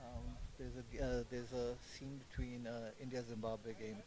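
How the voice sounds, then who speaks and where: A man's voice: mid-range voice, level tone, normal speed, a crowd in the background. A man giving live cricket commentary, explaining batting technique like a coach, recorded outdoors at a ground. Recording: dull lo-fi with loud background noise.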